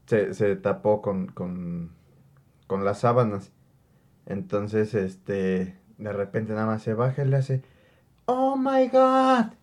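A man's voice: on the low side, slow, a little mellow. A young man with a Mexican Spanish accent, co-hosting a casual podcast chat. He tells stories animatedly, with crude slang and laughter. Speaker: podcast co-host.

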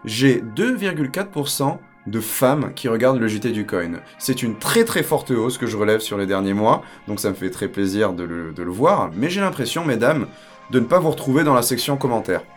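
A man's voice: mid-range voice, very animated, moderate pace, soft background music. A man hosting a weekly crypto news bulletin to camera, delivering headlines with joking asides in an upbeat presenter manner. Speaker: crypto news show host.

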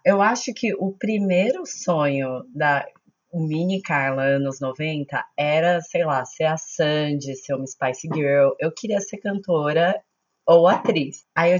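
A woman's voice: sits low, lively intonation, a little slow, lo-fi sound. A woman in her thirties with a Brazilian Portuguese accent, telling stories in a chatty, informal, self-mocking podcast style. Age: 30s. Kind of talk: casual podcast storytelling.

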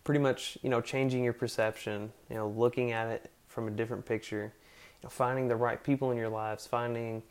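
A man's voice: mid-range voice, little pitch movement, fairly quick. A man hosting a casual faith podcast, talking in an earnest, rambling way with lots of fillers. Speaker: podcast host.

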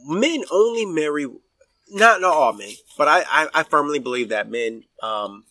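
Man, 40s, podcast guest. Bright, forceful tone, set a little back from the mic, dry sound, talks in halting restarts. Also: fairly high pitch, animated, no echo, far from the mic. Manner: opinionated, halting with many fillers and restarts. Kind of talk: casual podcast chat.

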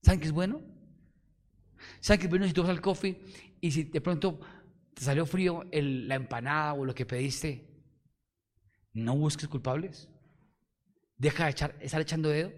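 A middle-aged Colombian pastor preaches with emphatic energy, throwing question after question at his church. His voice sits a little high for a man, and a long reverb from the hall trails behind every phrase. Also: normal speed, pauses often. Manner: animated, emphatic, full of rhetorical questions to the congregation. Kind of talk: sermon.

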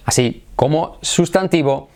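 Slow, drawn-out male English teacher. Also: fairly high pitch, darkish tone. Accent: Spain Spanish. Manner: slows right down to model English words, then chatters fast in Spanish. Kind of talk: Spanish-language English lesson.

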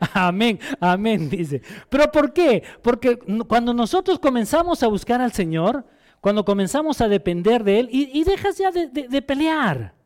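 A man preaching a sermon as pastor, asking the congregation questions and voicing quick quotes. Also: very high voice, animated, a little mellow.

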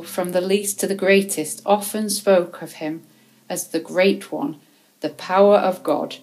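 A woman reading a Bible chapter aloud in a measured, even way, now and then correcting a word. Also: lowish voice, rough recording. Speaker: scripture reader.

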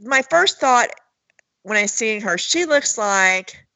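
A woman co-hosting a casual chat podcast, loud, blunt and joking. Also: fairly high pitch, lively intonation, slow, no room sound. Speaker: podcast co-host.

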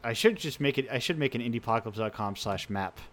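A man's voice: mid-range voice, expressive, fast talker, a bit bright, no echo. Rambling, enthusiastic radio host man. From United States. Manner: rambling, enthusiastic, frequent restarts. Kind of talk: casual chat.

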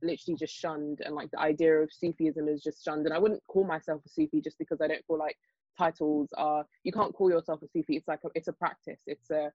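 A young woman of Nigerian heritage raised in the UK, a guest on a discussion panel, talking quickly with many fillers and restarts. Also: low-pitched, little pitch movement, darkish tone, no echo, dull audio. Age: young adult. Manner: fast, hesitant, lots of fillers and restarts. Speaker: panel guest, children's author.

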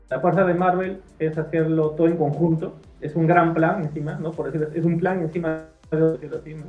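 A man's voice: a little high, gravelly. A man chatting casually on a podcast, rambling and opinionated, often trailing off. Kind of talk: casual chat. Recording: echoey, phone-like sound.

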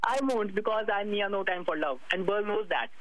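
A man's voice: high voice, a little fast, a bit bright, rough recording. A man with a Pakistani accent giving a promotional interview as a guest author, repeating his phrases and talking himself up in the third person.

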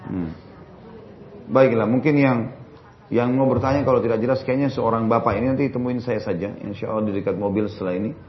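A man's voice: medium pitch, fairly even intonation, fairly quick. A man preaching and answering religious questions in a jokey lecture full of rhetorical questions. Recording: dull recording, faint crowd and noise.

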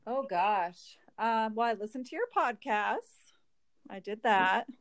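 A woman's voice: medium pitch, slow, dry recording. Chatty woman guest, dry close sound. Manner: chatty, self-deprecating, laughing often. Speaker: podcast guest. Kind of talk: casual chat.

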